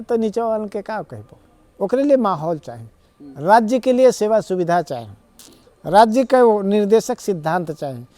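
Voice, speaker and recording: A man's voice: high voice, dark tone, dry recording. A man with an Awadhi accent, a guest in a TV interview, arguing his points earnestly in long rambling explanations. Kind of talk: conversational interview.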